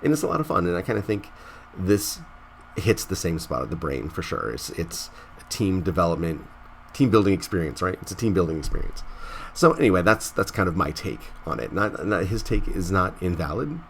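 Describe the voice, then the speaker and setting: Deep and brisk, this man's voice swings widely in pitch and carries vocal fry, with a little hiss or hum underneath. He hosts a casual gaming vlog while congested with a cold, rambling, frequently starting over and asking "right?"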